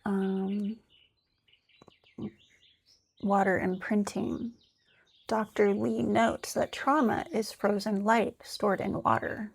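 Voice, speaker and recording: A woman's voice: medium pitch, little pitch movement, slow, vocal fry, pauses often, husky. A woman talking casually and candidly, reading from her notes and thinking aloud, with lots of fillers and some swearing. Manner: candid, rambling, swears freely.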